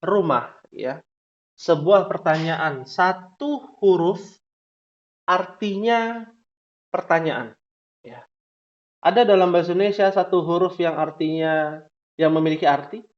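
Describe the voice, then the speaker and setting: A man teaching a class, asking questions slowly and tagging many lines with "ya". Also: on the high side, a little mellow. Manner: drawn-out questioning, frequent "ya" tags. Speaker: Arabic teacher. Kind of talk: classroom lesson. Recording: dull lo-fi recording.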